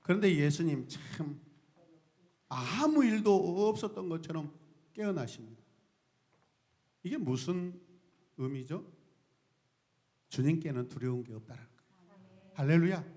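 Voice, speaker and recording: Lively Korean pastor, fairly high voice. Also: male voice, measured pace, pauses often. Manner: lively, shouts out cries and prompts the congregation. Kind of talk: sermon.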